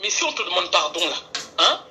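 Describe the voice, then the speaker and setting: A woman calling in to a live stream, talking earnestly and pleading for calm. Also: on the low side, fast, background noise. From France. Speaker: caller. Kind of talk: phone call on a live stream.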